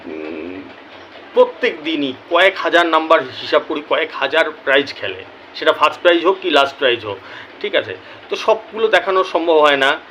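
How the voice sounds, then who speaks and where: A chatty Bengali man with a bright, forceful voice pitched a little high, talking casually to his viewers and clearing a troubled throat now and then. He keeps checking in with his listeners and sounds apologetic. A faint hiss of background noise sits under him. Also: poor audio. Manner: chatty, repeats "ঠিক আছে?", apologetic. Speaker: lottery result channel host.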